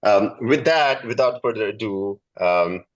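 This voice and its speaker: Male moderator, deep voice, hesitant phrasing, informal hosting of an online panel. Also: lively intonation, measured pace, highs cut off. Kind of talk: informal spoken panel introduction. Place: online video call.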